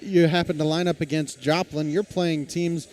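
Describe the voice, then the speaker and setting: A man announcing a high school basketball game play-by-play, talking in a casual, conversational way. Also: fairly even intonation, normal speed, darkish tone, a little hiss or hum. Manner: conversational, reads lineups, self-deprecating.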